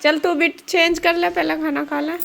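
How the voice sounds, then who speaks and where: A woman's voice: very high-pitched, flat delivery, normal speed, gravelly, fairly bright tone. A woman, a mother chatting and teasing her kids while serving food at home for a vlog. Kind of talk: casual home vlog chat. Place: family home kitchen.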